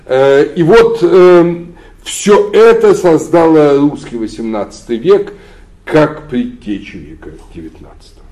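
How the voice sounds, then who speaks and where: A man giving an unscripted history lecture, often pausing with drawn-out fillers and pressing on key words with rising emphasis. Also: a little high, expressive, dark tone. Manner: hesitant, many drawn-out "uh" fillers, emphatic rises.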